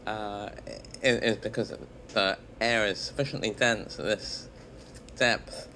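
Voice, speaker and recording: A man presenting from inside a pressure chamber, talking with a lisp and a strangely thin, high voice. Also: fairly even intonation, slow pace, pushed and bright, slight background noise, low-quality recording. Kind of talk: casual on-camera explanation.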